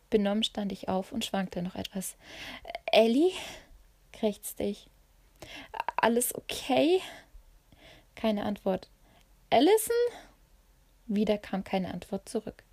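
A woman's voice: mid-range voice, darkish tone, no room sound. A woman narrating a first-person story in a dramatic way, sometimes dropping to a whisper in tense moments.

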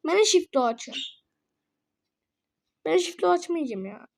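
A woman chatting playfully through a game, excitable and quick to laugh, calling her friend bro. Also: very high-pitched, vocal fry, a little hiss or hum. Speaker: gaming video host. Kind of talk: casual gameplay chatter.

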